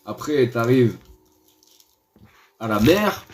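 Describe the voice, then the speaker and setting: A man streaming live chats casually in a playful, rambling way and teases his viewers. His pace is slow and easygoing. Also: mid-range voice, big pitch swings, faint music behind.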